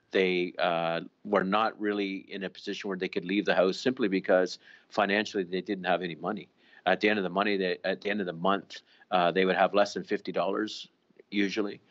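A man who is a senior police official answering interview questions in a deliberate, official way, pausing with fillers. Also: low-pitched, dull audio. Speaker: police deputy commissioner.

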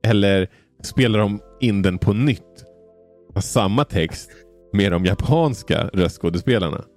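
A man's voice: lowish voice, a little mellow, faint music behind. A man co-hosting a casual gaming podcast, curious and full of questions. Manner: curious, asks lots of questions. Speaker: podcast co-host.

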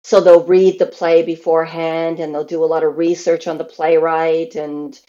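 The speaker, a theatre performer from Canada who grew up between Newfoundland and Alberta, tells casual stories in an interview and plays out other people's possible remarks. Her deep, warm voice moves at normal speed with a flat delivery. The audio is dull.

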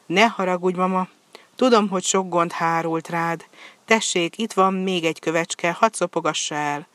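A woman voicing a gentle, blind dragon mother who speaks softly and pleadingly in a storybook reading. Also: on the low side, no echo, close to an everyday voice.

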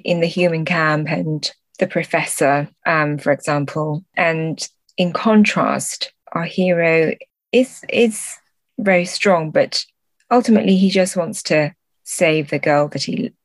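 Speaking slowly in a low-pitched voice with no room sound, a woman gives thoughtful conversational interview answers. She's a podcast guest who works as a translator and book editor, and she comes across as hesitant, searching for words and correcting herself.

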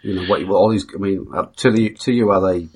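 A man's voice: deep voice, fast talker, a little mellow, a little hiss or hum. A man co-hosting a podcast, posing a question to the guest in hesitant, searching phrases. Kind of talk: casual interview questions.

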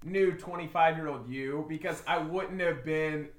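A man in his twenties co-hosting a podcast, animated and blunt, swearing freely. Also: on the high side, a little slow, reverberant. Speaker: podcast co-host. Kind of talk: casual podcast chat.

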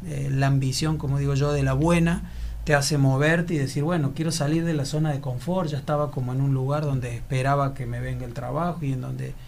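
In a relaxed interview, a man from Argentina, an actor with an Argentine accent, reflects and rambles, often restarting his sentences. His medium-pitched voice is fairly even, a little fast and darkish, with vocal fry, over a faint hiss or hum.

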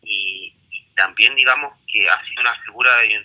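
A man's voice: on the low side, moderate pace, bright, forceful tone, breathy edge, low-quality recording. A man with a Chilean accent casually discussing history, rambling with many restarts and fillers. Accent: Chilean Spanish.

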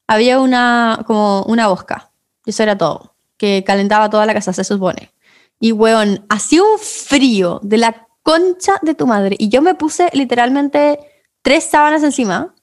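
High-voiced young Chilean woman. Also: lively intonation, moderate pace. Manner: slangy, mixes in English phrases. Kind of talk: casual chat.

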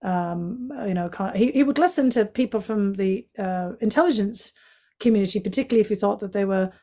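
Warm in tone and a little fast, her medium-pitched voice carries a Northeast English accent from County Durham, England. The middle-aged woman, a former intelligence analyst on as a guest, replies to interview questions fluently and candidly with frequent fillers.

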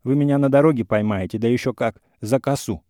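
A man's voice: medium pitch, fairly quick, mellow, dry recording, studio quality, natural voice. A man reading as a sarcastic young lady. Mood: teasing. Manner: ironic, teasing, scornful. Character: sharp-tongued mocking young woman, gentry. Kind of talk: audiobook character reading.

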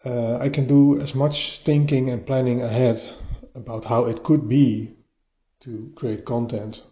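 A man with a mellow voice hosts his solo podcast. He talks straight into his phone's voice-note app, so the sound is dull and lo-fi, with a little room echo from a half-furnished bedroom. He speaks haltingly and often repeats words as he restarts. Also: mid-range voice, fairly even intonation. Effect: voice recorded on a phone. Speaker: podcast host. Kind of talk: casual solo podcast monologue. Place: partly furnished bedroom, a bit echoey. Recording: lo-fi phone recording, echoey room.

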